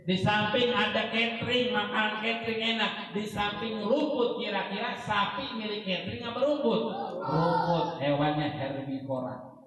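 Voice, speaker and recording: A man's voice: high-pitched, measured pace, crowd noise. A man giving a humorous sermon at an akikah gathering, teasing the congregation with questions. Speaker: preacher. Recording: echoey hall, mic heard from a distance.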